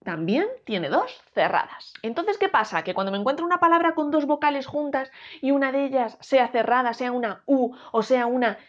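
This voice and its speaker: A woman with a Spanish accent from Spain, teaching a grammar lesson and sounding out words slowly, syllable by syllable. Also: sits high, a bit bright. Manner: slow, careful syllable-by-syllable demonstration. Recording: dull lo-fi recording.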